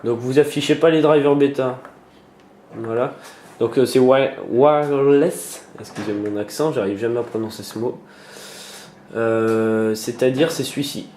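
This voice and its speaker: A man walks viewers through a computer tutorial, stopping often for fillers and restarts. His voice is mellow and dark, at a middle pitch. The room around him echoes, with a faint hiss underneath. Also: normal speed. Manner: hesitant, many fillers and restarts. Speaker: tutorial maker. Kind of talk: screen-recorded computer tutorial.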